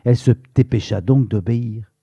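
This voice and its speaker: Male children's storyteller, husky and dark, lively with listener questions. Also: medium pitch, normal speed, no echo, dull audio.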